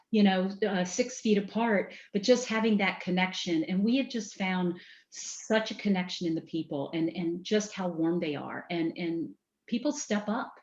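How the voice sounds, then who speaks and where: Her voice is medium-pitched with a darkish tone: a woman with a mild Southern American accent, a company president, is the guest in a casual interview. She talks loosely with fillers and frequent self-corrections, and the podcast audio is dull and roomy.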